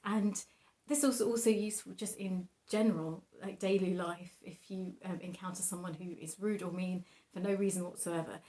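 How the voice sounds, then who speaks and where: A woman's voice: on the low side, steady tone, moderate pace, mellow. A young adult woman chatting casually as a painter showing her own work, rambling in a giggly, self-deprecating, hesitant way. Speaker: painter presenting own artwork. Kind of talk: casual rambling vlog chat.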